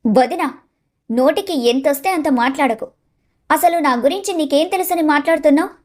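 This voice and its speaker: Storybook figure: hurt young daughter, indignant and teary, high voice, read by a woman. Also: measured pace, a little mellow. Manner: tearful, indignant.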